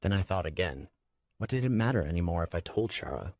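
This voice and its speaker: Deep-voiced male audiobook narrator. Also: expressive, quick pace, a little mellow, dry recording, clean studio sound. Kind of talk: scripted first-person narration.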